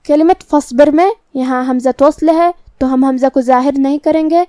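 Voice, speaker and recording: Brief: female recitation teacher, high voice, dry close sound, methodical and patient. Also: steady tone, dark tone, no echo. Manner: methodical step-by-step explanation with drawn-out recitation. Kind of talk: tajweed lesson, explaining then reciting slowly.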